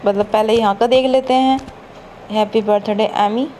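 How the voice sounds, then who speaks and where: A woman's voice: a little high, fairly even intonation, normal speed, dark tone, a little hiss or hum. A woman streamer giving casual let's-play commentary, chatty and teasing, with mock-scared exclamations. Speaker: gaming streamer.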